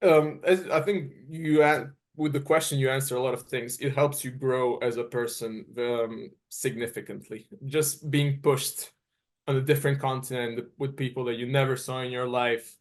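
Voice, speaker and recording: A man's voice: mid-range voice, fairly even intonation, moderate pace. A young man in his twenties from Serbia, a native Serbian speaker, answering interview questions earnestly and often restarting as he searches for words. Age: 20s. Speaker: guest college tennis player.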